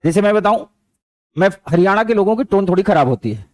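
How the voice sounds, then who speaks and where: A man's voice: high voice, animated, fast talker, dry recording. A man teaching a motivational lesson, speaking conversationally and weaving in anecdotes and stray English words. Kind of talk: motivational lecture with storytelling.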